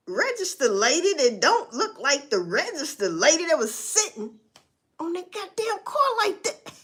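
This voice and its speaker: A woman's voice: high-pitched, a bit bright. A woman giving casual, profane and sarcastic commentary, rambling along with sighs and laughs. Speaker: vlogger commenting on news.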